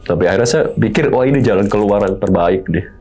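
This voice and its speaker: A man's voice: lowish voice, expressive, quick pace, a little mellow. A middle-aged man, telling his own story in an earnest, pleading way. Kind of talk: emotional confessional storytelling.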